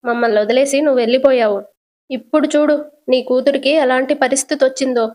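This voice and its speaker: A woman's voice: high-pitched, fairly quick, lightly acted. A woman voicing a widowed mother who weeps and scolds her wayward son, in a retold TV serial. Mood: tearful prayer. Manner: weeping, scolding.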